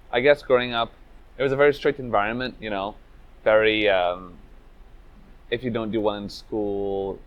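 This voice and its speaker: A young man speaks in a fairly low voice. He tells his story in a relaxed, reflective way, padding his sentences with "like" and "you know". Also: highs cut off. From Venezuela, raised in Trinidad. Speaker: speedrunner interviewee. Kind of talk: casual interview storytelling.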